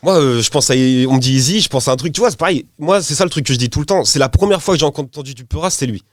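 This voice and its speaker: A man with a cold, a rapper and guest, chatting casually in an interview, animated and rambling, laughing often and using lots of slang. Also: on the high side, very fast, no echo, clean studio sound. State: has a cold.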